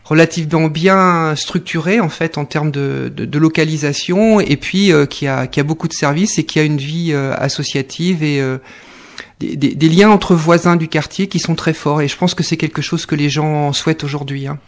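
A man's voice: a little high, moderate pace. A man, guest in a radio studio interview, talking with many fillers and restarts. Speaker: guest, neighbourhood committee co-president.

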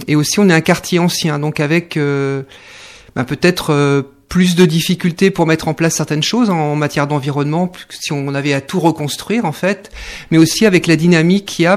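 A man, guest in a radio studio interview, talking with many fillers and restarts. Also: fairly high pitch. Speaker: guest, neighbourhood committee co-president.

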